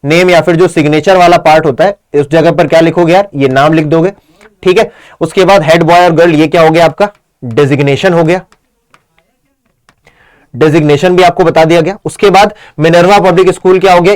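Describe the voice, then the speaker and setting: A male teacher gives a fast exam-prep lesson. He keeps checking with his students and slows down to dictate sample lines. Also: a little high, rough recording. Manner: rapid, repeats "ठीक है ना?" to check understanding.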